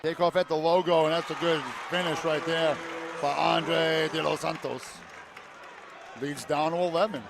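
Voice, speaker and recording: A man calling a high school basketball game play by play in short clipped phrases, rising to shouts on big plays. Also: steady tone, normal speed, gravelly. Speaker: play-by-play announcer. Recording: loud crowd and arena noise. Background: cheering crowd, bouncing basketball.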